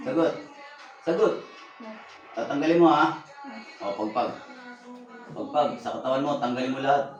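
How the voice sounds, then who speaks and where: A man's voice: mid-range voice, normal speed, pauses often, highs cut off, soft background music. A man working as a faith healer, commanding and repeating short questions and chanting incantations during a rite. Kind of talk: interrogating a spirit during a healing rite. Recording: echoey, distant, noisy room recording.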